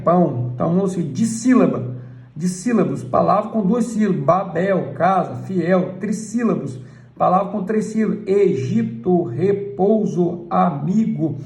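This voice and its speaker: A man's voice: sits high, creaky, a little mellow, echoey room. A man with a Brazilian Portuguese accent, a church elder walking through a grammar book page by page and pointing things out with frequent asides to look.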